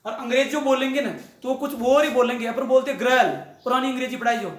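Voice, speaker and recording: A male English teacher with an Indian English accent, giving a grammar lesson, addressing his students fondly and repeating words slowly for drill. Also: very high-pitched, steady tone. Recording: echoey room.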